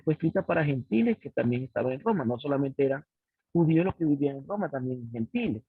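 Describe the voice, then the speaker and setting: Man, hesitant student, crackly tinny phone line, raspy voice, dry sound. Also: mid-range voice, lively intonation, dry recording. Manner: hesitant, halting, full of pauses and restarts. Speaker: student in a Bible study class. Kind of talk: asking a question in an online class.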